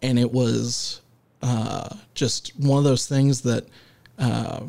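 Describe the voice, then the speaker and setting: A man co-hosting a casual music podcast, leading the talk in a halting way with many filler sounds and restarts. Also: medium pitch, level tone, gravelly, warm tone. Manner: leads the discussion and segues. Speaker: podcast co-host.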